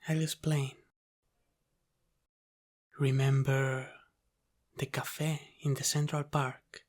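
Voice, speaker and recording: In this intimate ASMR roleplay, a man takes on the part of a protective, teasing Italian-American mafia boss. His medium-pitched voice is soft, deliberate and flat, lightly acted, and it slides into whispers. He comes across as confident and knowing.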